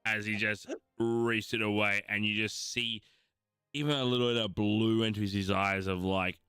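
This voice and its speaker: An Australian man runs a tabletop game, narrating scenes with casual swearing and easy laughter. His voice is bright and crisp, recorded dry and close. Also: on the low side, fairly even intonation, moderate pace, no echo, soft background music. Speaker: game master.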